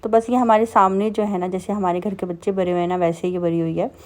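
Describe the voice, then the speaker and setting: Speaking quickly with a level tone in a mid-range voice, a vlogger with a Pakistani Urdu accent talks through her day in a relaxed voice-over, filling her chatty storytelling with lots of fillers.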